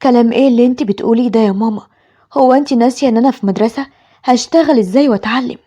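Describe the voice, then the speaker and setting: A woman's voice: on the high side, racing, mellow, lightly acted. A woman voicing a frightened Egyptian boy. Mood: fearful. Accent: Egyptian Arabic. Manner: pleading, fearful. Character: frightened schoolboy son.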